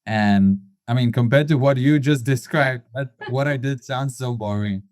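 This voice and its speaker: A man hosts an interview at a mid pitch. He asks questions haltingly, with fillers and restarts, in a dry, close recording. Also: darkish tone, dry recording. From Singapore. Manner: hesitant, with fillers. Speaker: host. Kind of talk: casual interview conversation.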